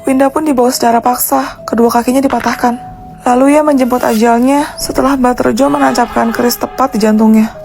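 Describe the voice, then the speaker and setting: A woman's voice: a little high, fairly even intonation, fairly quick, creaky, a little mellow, soft background music. A woman narrating a ghost story dramatically in a comic skit.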